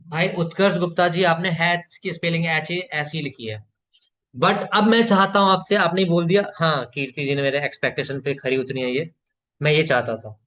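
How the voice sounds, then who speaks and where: A man's voice: fairly high pitch, moderate pace, a bit bright. A man teaching a live online spoken English class, patiently repeating phrases for learners to echo and praising students by name.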